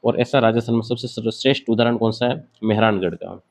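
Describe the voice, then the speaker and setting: A man's voice: mid-range voice, quick pace. A man giving an exam-prep lecture, asking questions and answering them himself while he sketches on a board. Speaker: teacher.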